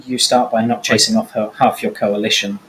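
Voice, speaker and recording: A man speaking bluntly and quickly in a casual panel discussion. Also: fairly low pitch, little pitch movement, fairly bright tone, a little hiss or hum, low-quality recording.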